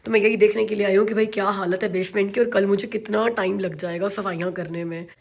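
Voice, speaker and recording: A woman's voice: mid-range voice, fairly even intonation, fast, gravelly, a little mellow. A woman in her thirties with a Hindi accent, chatting casually to her vlog audience and poking fun at herself. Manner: chatty, mixes Hindi and English, self-mocking. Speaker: vlogger.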